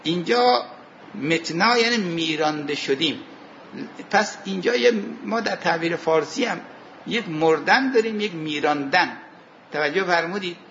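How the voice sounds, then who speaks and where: Man teaching a high-voiced grammar lesson. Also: animated, a bit bright, lo-fi sound, slight background noise. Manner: explanatory, poses questions to students and answers them; recites Arabic verses slowly. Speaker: religious studies teacher. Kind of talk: seminary lecture on Arabic grammar and scripture.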